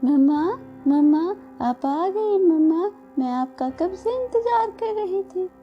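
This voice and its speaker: A woman voicing a young witch-bird girl in a storybook cartoon, grieving and vengeful, in a high childlike wailing voice. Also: measured pace, gravelly, lo-fi sound, soft background music. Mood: tearful clinging.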